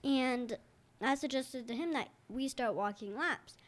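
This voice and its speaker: A woman's voice: high-pitched, unhurried. A teenage daughter chatting casually as co-host, giggly and easily losing her train of thought. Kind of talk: casual chat.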